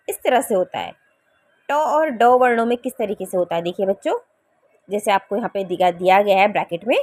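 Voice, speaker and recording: A woman teaching a grammar lesson to young pupils, her fairly high voice swinging widely up and down. She sounds words out slowly, syllable by syllable, and keeps asking the children whether they follow. The recording is close and dry, with no room sound. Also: no room sound. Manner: coaxing, checks understanding with repeated questions.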